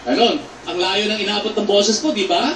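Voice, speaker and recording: A man, a theater actor, patiently teaching voice and breathing exercises on a TV show, breaking into loud demonstration shouts. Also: high-pitched, a little fast, a little hiss or hum. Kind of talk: instructive voice lesson on a TV show. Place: TV studio with a live audience. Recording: echoey studio, mic some distance off.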